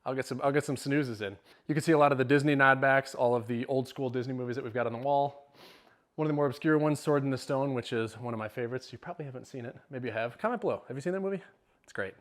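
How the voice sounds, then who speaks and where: A man's voice: medium pitch, very fast. A middle-aged man, joking and rambling as he walks viewers through his home, sometimes out of breath. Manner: joking, rambling, self-deprecating. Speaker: homeowner giving a house tour. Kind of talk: casual house tour vlog. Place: large house, indoors, walking between rooms.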